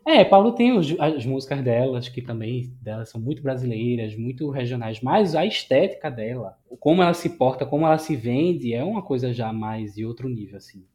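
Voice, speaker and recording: A man's voice: medium pitch, lively intonation, a little fast, hardly any pauses, dark tone. A man with a Brazilian Portuguese accent, chatting casually as a podcast panelist. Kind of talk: casual chat.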